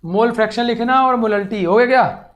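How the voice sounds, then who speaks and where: A man teaching chemistry in a live online coaching class, animated and teasing, repeating words rapidly, coaxing his students and mixing English terms into his speech. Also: extremely high pitch.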